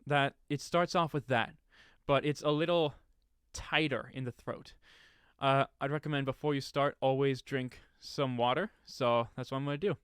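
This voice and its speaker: A man's voice: mid-range voice, steady tone, normal speed, fairly bright tone, clean tone, no room sound, studio quality. A man giving a casual step-by-step tutorial on voice effects, explaining settings plainly with fillers and restarts.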